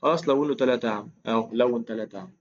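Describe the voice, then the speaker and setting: A man's voice: medium pitch, very fast, muffled recording. A man with an Egyptian accent teaching a math lesson in a chatty, coaxing way, counting aloud as he works. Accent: Egyptian Arabic. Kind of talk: casual explained lesson.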